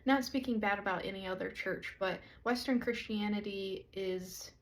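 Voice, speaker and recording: A woman from the southern United States, a church co-founder and pastor's wife, talking slowly and earnestly in a self-recorded video. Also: medium pitch. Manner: slow, reflective, earnest and inviting. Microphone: self-recorded camera or phone.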